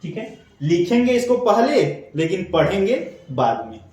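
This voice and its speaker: A man's voice: high voice, very animated, normal speed, darkish tone, very echoey, far from the mic, faint music behind, poor audio. A man teaching an online shorthand class, explaining step by step and checking in often. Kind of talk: online lesson.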